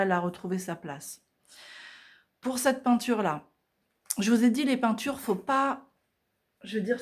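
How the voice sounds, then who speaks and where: A woman's voice: mid-range voice, a little mellow. A woman vlogger talking casually through her art journal pages at home, chatty and hesitant, with many fillers.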